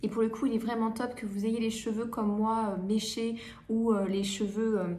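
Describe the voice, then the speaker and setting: A woman's voice: a little high, little pitch movement, moderate pace, dark tone. A woman, reviewing her used-up beauty products in a casual vlog, chatty and full of hesitations. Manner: chatty, hesitant with many fillers. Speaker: beauty vlogger.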